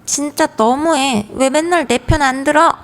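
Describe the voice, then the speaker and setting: A whiny little three-year-old girl from a storybook, as a woman reads her aloud. She speaks in a high voice with babyish, lisping words and sounds stubborn and easily upset. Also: moderate pace, close to an everyday voice. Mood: sulky. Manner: childish baby talk.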